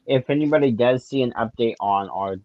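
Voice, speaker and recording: A man's voice: mid-range voice, a little fast. A man co-hosting a live weather stream, his voice cutting out over a bad online connection as he asks short practical questions. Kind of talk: casual live commentary. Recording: muffled lo-fi call audio with faint noise.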